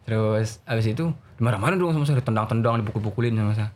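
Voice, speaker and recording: Young male teacher, rapid casual storyteller who jumps into character voices. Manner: animated, acts out voices of students in a raised pitch. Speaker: religious school teacher.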